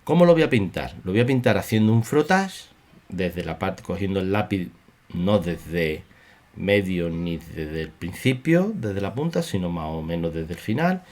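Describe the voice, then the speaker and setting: A man teaching a drawing lesson, talking slowly and repeating his instructions calmly. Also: low-pitched. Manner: slow, repetitive, soothing instruction. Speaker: art teacher. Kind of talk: drawing tutorial.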